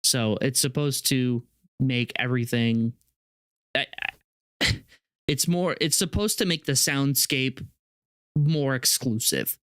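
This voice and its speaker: Rambling young man, smooth and dry. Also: mid-range voice, takes it slowly, long pauses, no echo. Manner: rambling, animated, many fillers. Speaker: podcast co-host. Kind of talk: casual chat.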